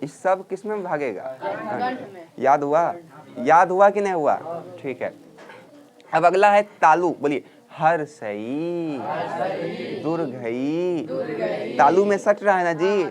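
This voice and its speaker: A man teaching a grammar class, drilling students loudly and scolding them. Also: high voice, animated, unhurried, pauses often, crowd noise. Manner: loud scolding drill teacher, calls and answers.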